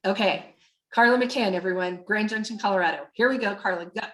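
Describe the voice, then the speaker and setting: A woman's voice: mid-range voice, brisk, reverberant, noisy background. Chatty woman leading an online webinar. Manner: upbeat, chatty, many fillers. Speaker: webinar trainer.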